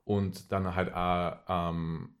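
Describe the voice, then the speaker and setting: A man's voice: low voice, level tone, extremely slow, clean tone. A man with an Austrian accent talking casually and personally as an interview guest, repeating phrases for emphasis.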